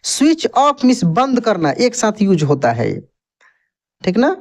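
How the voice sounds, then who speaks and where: A man's voice: high voice, huge pitch swings, unhurried. A man teaching English vocabulary in a lesson, spelling each word letter by letter, then repeating it and its meaning patiently, often checking in with the listener.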